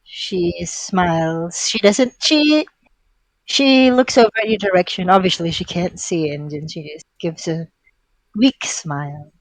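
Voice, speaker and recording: A woman's voice: on the low side, unhurried, no room sound, poor audio. A woman narrating as game master in a tabletop game, describing scenes in a hesitant way with restarts.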